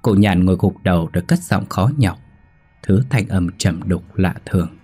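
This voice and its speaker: Deep-voiced man telling a horror story. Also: slightly rough. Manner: measured, suspenseful storytelling. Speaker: narrator. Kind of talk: scripted horror story narration. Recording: soft background music.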